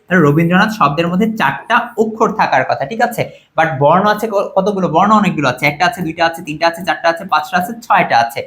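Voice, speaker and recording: Male tutor, young adult, high voice, rapid delivery, quizzes and counts out loud. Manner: quick, questioning, counts items aloud. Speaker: teacher. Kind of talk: online exam-prep lesson.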